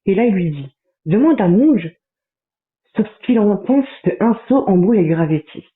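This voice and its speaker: A man on a livestream, reading out chat messages in a running commentary with quick asides. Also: high voice, animated. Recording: tinny phone-like sound in a roomy space.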